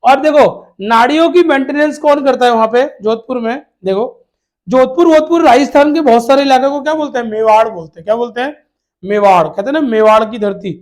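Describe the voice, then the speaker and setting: A man with a very high-pitched voice teaches an exam-prep lesson to children. He fires off questions and answers them himself, repeating the key words. He calls his students "beta" in a fatherly way. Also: fairly quick.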